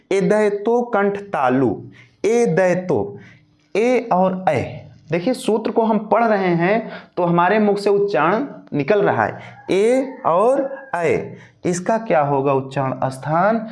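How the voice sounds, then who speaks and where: A male teacher giving a lesson, addressing students directly and chanting memory verses slowly, each line twice. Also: high-pitched, darkish tone. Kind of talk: classroom lesson.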